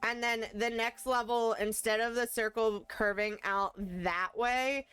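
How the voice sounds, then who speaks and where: A woman's voice: on the high side, steady tone, measured pace, a bit bright. A woman streaming a video game live, chatting casually and thinking aloud as she plays. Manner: playful, answers chat.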